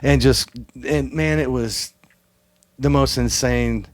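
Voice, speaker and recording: Guest musician, mid-range voice, animated storytelling with cursing, dry studio recording. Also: male voice, mid-range voice, slow, dry recording. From Texas. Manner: lively storyteller who acts out quotes and swears casually. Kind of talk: casual storytelling interview.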